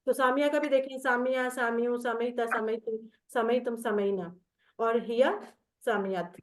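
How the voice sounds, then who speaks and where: A woman's voice: on the high side, steady tone, unhurried. A woman teaching Quranic Arabic grammar in an online class, patient and step by step, reciting verb tables. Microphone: video call.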